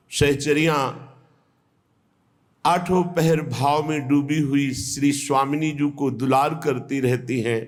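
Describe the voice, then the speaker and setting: A man giving a devotional discourse as a spiritual teacher, speaking in a measured, reverent way. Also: fairly high pitch. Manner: slow, measured, reverent delivery.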